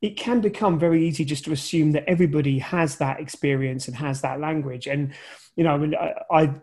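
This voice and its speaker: A man with a fairly high voice talks through his answers over a video call. He is a journalism lecturer who sounds reflective and circles back to rephrase his points. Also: a little mellow. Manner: thoughtful, many restarts and fillers. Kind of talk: conversational interview answers.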